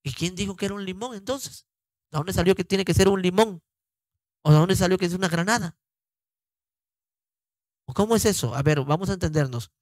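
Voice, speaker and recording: An older man teaching scripture informally, slow and deliberate, repeating words as he explains them. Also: sits high, darkish tone, no echo. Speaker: Bible teacher.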